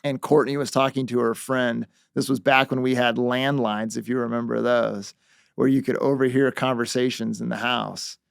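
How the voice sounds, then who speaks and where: A man hosting a talk on negotiation, telling a family story in an animated, conversational way. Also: medium pitch, moderate pace, vocal fry, smooth, no echo, clean studio sound. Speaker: negotiation expert, show host.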